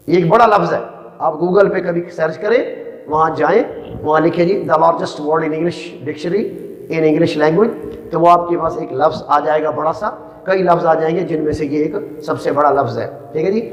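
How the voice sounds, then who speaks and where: A man teaching a spelling lesson, speaking slowly and deliberately and breaking words into syllables. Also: fairly high pitch. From Pakistan. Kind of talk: classroom lecture. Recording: echoey room with long reverb.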